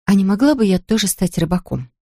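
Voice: mid-range voice, expressive, quick pace, vocal fry, mellow, no room sound. A reader voicing a wry, stubborn young woman who teases lightly, read close to a dry studio mic.

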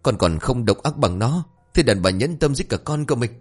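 A man's voice: medium pitch, lively intonation, a little fast, slightly rough, soft background music, pitched above the performer's own voice. A man voicing an enraged, violent young husband with a raised, harsh delivery, in an audio story. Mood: bitter. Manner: shouting accusations, raised and harsh.

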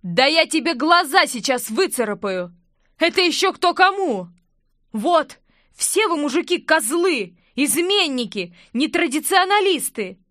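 A jealous young blonde in an audiobook scene, shrill and scolding, her voice pitched high and loud, as a woman reader puts her on. The sound is close and dry, with no room around it. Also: sing-song, measured pace, dry recording, exaggerated voice. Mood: furious.

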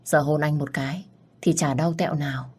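A woman voicing a tender, playful young husband, speaking softly and affectionately. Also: deep voice, steady tone, normal speed, breathy edge.

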